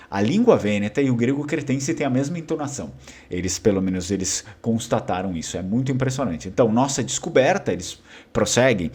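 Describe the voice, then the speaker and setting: A Brazilian Portuguese man with a low, husky voice talks through a research article like an informal lesson. He keeps it conversational and keeps checking in with his listeners. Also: a little mellow. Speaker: educator presenting a linguistics article. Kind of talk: informal explainer lecture.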